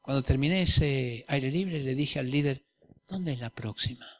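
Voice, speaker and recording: A man's voice: mid-range voice, a little slow. A middle-aged man preaching a sermon, telling personal stories and acting out the dialogue in different voices. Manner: animated storyteller, acts out dialogue in varied voices. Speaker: pastor.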